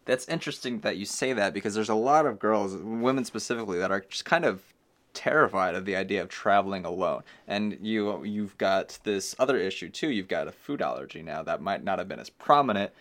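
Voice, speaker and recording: A man hosting a casual interview, asking questions in a relaxed, joking way. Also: lowish voice, brisk. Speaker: interviewer, host.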